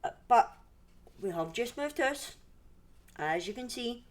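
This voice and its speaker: Slightly high and lively in intonation, this Scottish woman speaks at a slow pace. She's a livestream host and storyteller at home indoors, chatting in a rambling, conversational manner and frequently interrupting herself to start sentences over.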